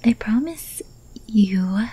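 A woman in a whispered role-play, playing an obsessively lovestruck thief who teases and coaxes her captive in a breathy, possessive whisper. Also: mid-range voice, expressive, dark tone, exaggerated voice, rough recording. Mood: possessive, menacing. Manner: slow, breathy, coaxing whisper with pet names. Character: infamous female thief, obsessively lovestruck, teasing and possessive kidnapper.

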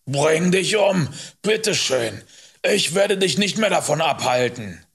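A man doing a gruff, scornful hunter. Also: fairly high pitch, lively intonation, measured pace, pitched above the performer's own voice, exaggerated voice. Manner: mocking, harsh, insulting. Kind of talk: audiobook character voice.

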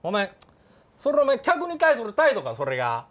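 Guy doing a pushy kansai café customer, really high-pitched voice, keeps threatening the staff. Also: huge pitch swings, normal speed, fairly bright tone, exaggerated voice. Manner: blustering, threatening, keeps saying "you". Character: loud bullying middle-aged male café customer. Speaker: comedian. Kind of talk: comedy sketch.

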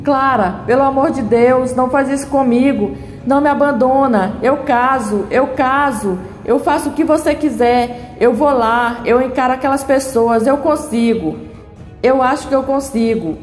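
A woman's voice: a little high, measured pace, darkish tone, lightly acted. A woman reading the lines of an indecisive young groom who pleads with his bride. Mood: pleading. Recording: echoey room, long reverb, faint music.

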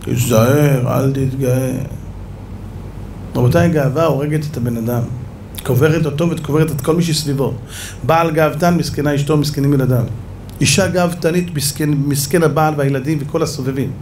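A man giving an animated sermon as a rabbi, repeating words for emphasis. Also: a little high, slight background noise. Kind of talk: sermon with storytelling.

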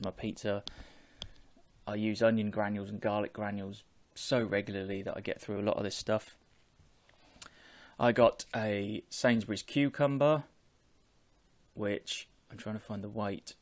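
A man, talking in a measured, explanatory way as a vlogger chatting casually on an earphone microphone at home. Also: fairly low pitch, fairly even intonation. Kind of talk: casual chat to camera. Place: small home room with bookshelves.

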